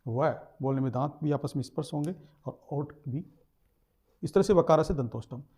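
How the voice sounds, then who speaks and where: A man's voice: a little high, moderate pace, dark tone, slightly rough. A man teaching a lesson, explaining step by step, repeating terms and sounding out letters.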